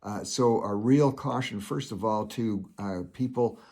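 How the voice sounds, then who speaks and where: A man's voice: lowish voice, unhurried, dark tone. An older man hosting a casual solo commentary show, folksy and rambling, with many filler sounds. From Canada.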